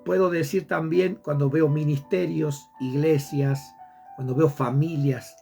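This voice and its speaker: A man's voice: a little high, fairly even intonation, a little slow, vocal fry, dark tone, soft background music. A man who is a pastor, preaching fervently with a repetitive sermon cadence. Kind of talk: impassioned preaching on a program.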